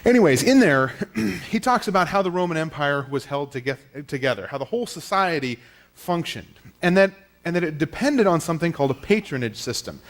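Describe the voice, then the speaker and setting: A pastor giving a teaching sermon at a pulpit microphone in a church, explaining in a plain, conversational way with small fillers. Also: male voice, a little high, lively intonation, brisk. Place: church sanctuary.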